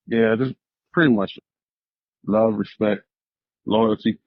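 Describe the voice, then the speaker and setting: A man's voice: on the low side, fairly even intonation, slow, no echo, highs cut off. A man on a relationship panel speaking bluntly and emphatically. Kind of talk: casual panel discussion.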